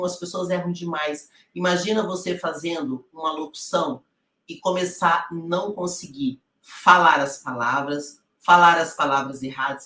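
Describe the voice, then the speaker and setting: A woman's voice: low-pitched, fairly bright tone. A woman voice-over coach teaching directly, putting rhetorical questions to her listeners and addressing them familiarly. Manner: calls the audience "gente" in a familiar way. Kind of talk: online teaching talk. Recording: roomy echo.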